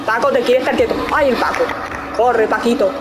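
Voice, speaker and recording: A woman's voice: a little high, fairly even intonation, brisk, low-quality recording. A young woman from Spain chatting casually over a video game, scolding enemies, swearing and exclaiming. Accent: Spain Spanish. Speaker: gaming streamer. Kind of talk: casual let's-play commentary.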